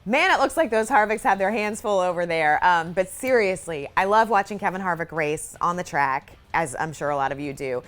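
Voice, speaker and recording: Woman, thirties, sports TV host, upbeat, quick, somewhat low voice. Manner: upbeat, quick, laughs easily. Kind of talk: TV sports interview and sign-off.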